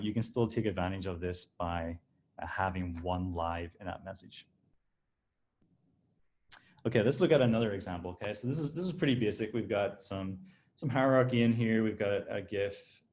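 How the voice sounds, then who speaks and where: Man, design director, casual screen-share demo voice, lowish pitch, easygoing and explanatory. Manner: relaxed, explanatory, with frequent restarts and fillers. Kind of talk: screen-share software walkthrough.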